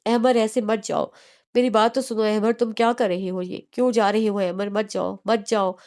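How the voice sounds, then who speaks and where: Audiobook: woman playing a frightened young wife, pleading and halting. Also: mid-range voice, little pitch movement, darkish tone, close to an everyday voice.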